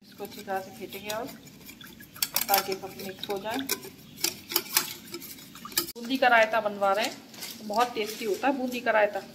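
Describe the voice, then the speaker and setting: A woman with a cold and a hoarse voice, casually explaining a home recipe step by step as a cooking vlogger. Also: medium pitch, fairly even intonation, moderate pace, long pauses, background noise. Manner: plain, homely instructional tone.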